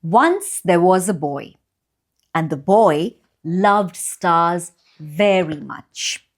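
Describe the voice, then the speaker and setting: For a read-aloud bedtime story, this woman, a children's storyteller and channel host, speaks slowly and very animatedly at a fairly low pitch. She phrases things expressively and deliberately, stretching her pauses for young listeners.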